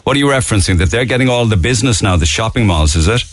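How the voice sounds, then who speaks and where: Male phone-in host, Cork accent, animated swooping intonation, close dry studio sound. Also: fairly low pitch, rapid-fire, no echo. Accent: Irish, Cork. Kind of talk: live phone-in conversation.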